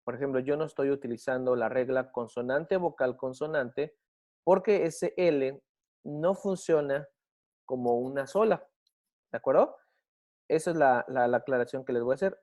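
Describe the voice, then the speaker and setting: A man teaching an English grammar lesson in a patient explaining manner. He often checks whether his students follow him, and he slows down to spell and model English words. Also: medium pitch, a little mellow. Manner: patient, checks understanding with frequent questions. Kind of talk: explaining grammar in a recorded class.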